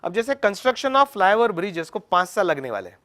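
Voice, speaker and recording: A man's voice: sits high, sing-song, unhurried, a bit bright. A man lecturing on cost accounting, mixing Hindi and English with an Indian English accent and putting questions to the class. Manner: switches between Hindi and English, asks questions; explains with everyday examples.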